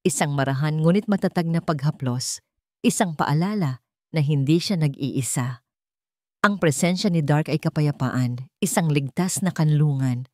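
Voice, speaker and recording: The narrator, a Filipino woman, reads a dramatic romance in a measured, emotive style. Her low voice has a slightly mellow quality, and the close, dry recording carries no room sound.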